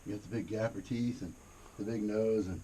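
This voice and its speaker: A man's voice: lowish voice, fairly even intonation, brisk, mellow. A man casually telling rambling, profane anecdotes in a laid-back way, recorded inside a cave. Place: inside a cave during a tour. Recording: noisy cave ambience. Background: cave ambience, noise.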